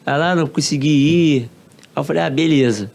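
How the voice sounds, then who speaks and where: A man from Rio de Janeiro with a Carioca accent, a podcast guest telling a personal story in slangy, relaxed talk and acting out quoted dialogue. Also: on the high side, fairly quick, gravelly. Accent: Carioca Brazilian Portuguese. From Rio de Janeiro, Brazil. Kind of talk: casual storytelling.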